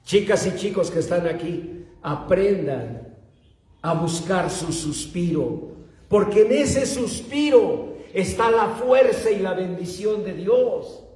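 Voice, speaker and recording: A man's voice: sits high, takes it slowly. A man preaching a sermon to young people, telling stories and acting out the dialogue. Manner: animated storytelling, acts out dialogue, addresses youth directly. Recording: echoey hall.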